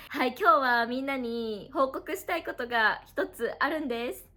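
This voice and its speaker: A woman in her twenties from Japan, an online Japanese teacher talking casually to learners at her family home, chatty and friendly, explaining slowly with examples. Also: high voice, sharp tone. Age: 20s. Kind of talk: casual podcast talk to learners.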